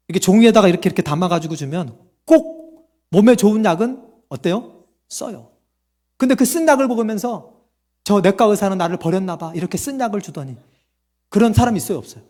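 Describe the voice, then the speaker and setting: A man's voice: high-pitched, a little mellow. A man preaching a sermon as pastor, asking the congregation questions and answering them himself, and acting out quoted voices.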